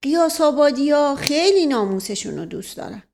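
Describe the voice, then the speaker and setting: A rustic old servant talks in a slow, folksy drawl and keeps coming back to the same pet phrase, as a woman puts him on. His voice sits high and rises over the narration. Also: very animated, vocal fry, darkish tone, exaggerated voice. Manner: folksy, drawn-out, repeats his stock phrase.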